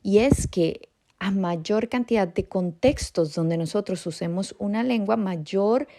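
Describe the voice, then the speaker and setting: In a clean studio recording with no echo, a Costa Rican podcast host and bilingualism educator talks informally about educational topics. Her mid-range voice is mellow and unhurried, carrying a Costa Rican Spanish accent. She keeps a reassuring tone and frequently checks in with a rising "¿sí?".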